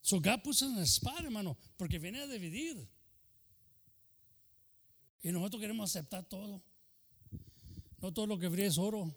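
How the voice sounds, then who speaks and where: Man, pastor, fervent bilingual sermon, high voice. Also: lively intonation, moderate pace, creaky, long pauses. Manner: switches between Spanish and English mid-sentence; fervent preaching punctuated by "aleluya" and "hermano".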